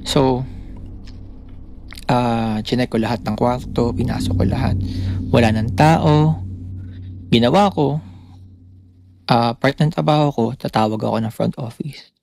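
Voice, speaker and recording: Gravelly man telling a story. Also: medium pitch, measured pace, long pauses, slight background noise. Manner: animated storytelling, acting out quoted lines. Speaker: podcast co-host. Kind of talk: casual storytelling chat.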